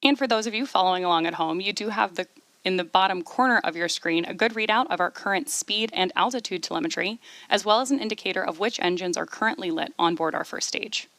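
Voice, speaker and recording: A woman giving measured, explanatory live commentary as the host of a launch webcast. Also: mid-range voice, fairly bright tone, no room sound.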